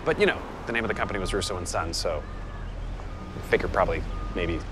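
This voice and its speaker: A boyish, excitable sitcom detective who talks glibly and very quickly. His pitch jumps around a lot, and traffic noise is clear behind him. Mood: nervous, evasive. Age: 30s. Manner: glib, excitable, backpedaling. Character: cocky, boyish young male detective, nervous joker. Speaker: police detective. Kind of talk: sitcom acting. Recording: clear street and vehicle noise.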